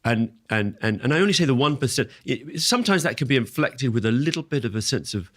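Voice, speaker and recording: A man's voice: mid-range voice, lively intonation, fast, a bit bright, dry recording, studio quality. A man giving thoughtful interview answers, hesitantly repeating words as he reflects. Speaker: interview guest.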